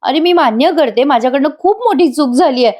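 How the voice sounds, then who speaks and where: A woman's voice: sits high, animated, a little fast, darkish tone, pitched above the performer's own voice. A woman voicing a young wife who anxiously begs her husband's forgiveness, read as part of a voice-over review. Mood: flustered. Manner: begging, flustered. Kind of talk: voice-over review re-enacting serial dialogue.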